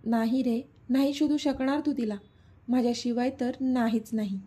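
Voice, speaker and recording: Woman doing a sneering male villain, taunting, mellow husky tone, storybook reading. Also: fairly high pitch, steady tone, normal speed. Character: cruel mocking middle-aged male villain.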